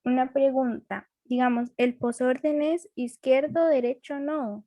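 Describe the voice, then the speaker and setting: A woman's voice: high voice, fairly even intonation, a little slow, mellow. A woman student asking her teacher a hesitant question during an online class.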